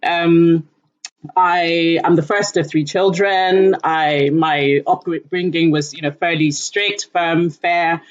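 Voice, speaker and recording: Speaking slowly in a steady, fairly low voice, a woman from Nigeria describes her background and career on a podcast. She's an environmental lead at a company and talks earnestly, with many fillers, and the audio is dull and lo-fi.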